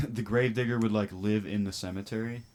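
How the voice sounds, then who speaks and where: Low-voiced joking man on a podcast. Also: steady tone, a little fast, darkish tone, slight background noise. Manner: joking, slangy, laughs often. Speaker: podcast co-host. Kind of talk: casual chat.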